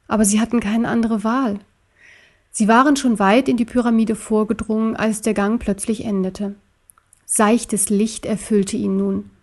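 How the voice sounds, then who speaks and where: Woman, children's story narrator, steady, measured. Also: medium pitch.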